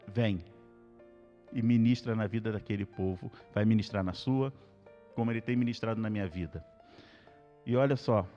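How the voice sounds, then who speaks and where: Man, Brazilian Portuguese accent, pastor, earnest Bible study, repeats points slowly, dull recording. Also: medium pitch, mellow, big-room sound.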